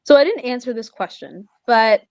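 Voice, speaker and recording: A woman's voice: on the high side, expressive, moderate pace, darkish tone, no echo, muffled recording. A young adult woman, a student guest, speaking hesitantly with many fillers. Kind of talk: casual interview chat.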